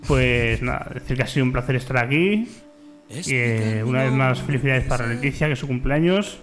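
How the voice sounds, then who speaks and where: A man co-hosting a radio show, talking in a relaxed, thoughtful way. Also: mid-range voice, fairly quick, over music. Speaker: radio co-host. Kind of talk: casual radio chat.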